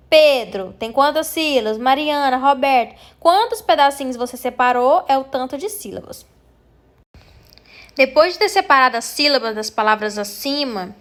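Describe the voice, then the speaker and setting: A high-pitched Brazilian woman explains a primary school lesson step by step. She talks with patience and stretches out example words syllable by syllable so that young children can follow along. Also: a bit bright. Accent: Brazilian Portuguese.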